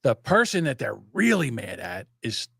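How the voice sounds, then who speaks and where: With a mid-range voice that's creaky and husky, an older South Jersey man talks at a moderate pace as a podcast co-host. He rambles through stories casually, profanely, and animatedly, recorded in clean studio sound with no room sound.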